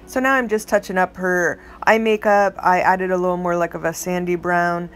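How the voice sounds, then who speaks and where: A woman's voice: lowish voice, fairly even intonation, moderate pace, fairly bright tone. Chatty middle-aged woman narrating her art. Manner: chatty and rambling, self-described dramatic. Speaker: art vlogger. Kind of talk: casual voice-over narration.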